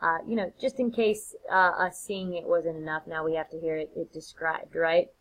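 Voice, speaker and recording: A woman's voice: sits low, little pitch movement, moderate pace, poor audio. Woman teacher recording a lecture, super casual, lots of ums and uhs. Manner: casual, chatty, with many fillers. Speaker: literature teacher.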